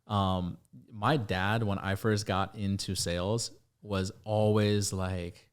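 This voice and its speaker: A man's voice: fairly low pitch, level tone, slow, clean tone. A man hosting a podcast in a casual, emphatic, motivational way, swearing freely. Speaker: podcast host.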